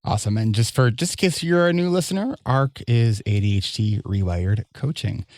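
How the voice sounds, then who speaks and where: A man hosting a podcast, talking in a relaxed conversational way with frequent fillers. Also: fairly low pitch, normal speed, dry recording. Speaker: podcast host.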